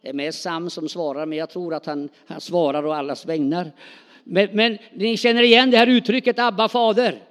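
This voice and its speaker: A middle-aged male preacher with a high voice delivers a lively, spontaneous sermon, throwing questions out to his congregation. His voice rings through a church hall with a long reverb trailing behind each phrase. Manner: animated, spontaneous, calls out to the congregation.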